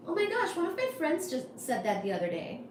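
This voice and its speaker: With a high voice, huge pitch swings and a brisk delivery, an Indian woman runs a casual livestream and answers chat comments wryly. The room is echoey, with some faint noise.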